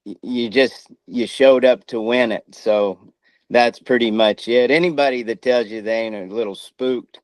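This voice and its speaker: A man's voice: mid-range voice, steady tone, moderate pace, darkish tone, no room sound, poor audio. A middle-aged man who speaks through missing front teeth, chatting casually in an interview in a folksy, plain-spoken way. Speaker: former rodeo rider and coach.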